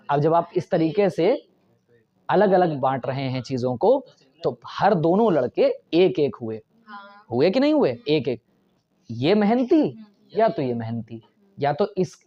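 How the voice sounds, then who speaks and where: A man's voice: fairly high pitch, highs cut off. A male English grammar teacher gives a classroom lecture in Hindi mixed with English terms and keeps checking whether the students understand.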